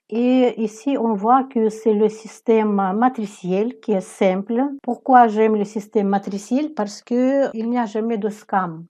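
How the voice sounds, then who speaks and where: Slow, mellow Ukrainian-accented woman. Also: medium pitch. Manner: hesitant, with frequent "euh" fillers and some non-native phrasing. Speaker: business presenter. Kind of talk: screen-share product walkthrough.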